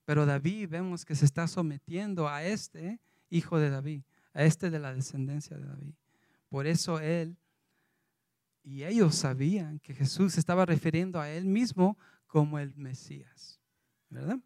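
A man with a fairly high, mellow voice preaches a sermon in a loose, conversational way, reading scripture passages aloud between his remarks. The sound is dry and close. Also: normal speed, creaky, no echo.

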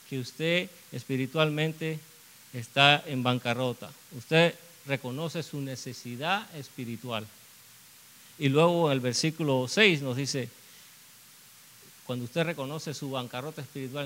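A man's voice: mid-range voice, fairly bright tone, slight background noise, rough recording. A man preaching a sermon, earnest, asking rhetorical questions and repeating phrases for emphasis.

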